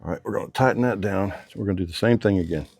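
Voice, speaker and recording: A man's voice: deep voice, racing, vocal fry, darkish tone, soft background music. A man working as a motorcycle mechanic who talks through a hands-on workshop demonstration in casual, drawling shop talk with slang.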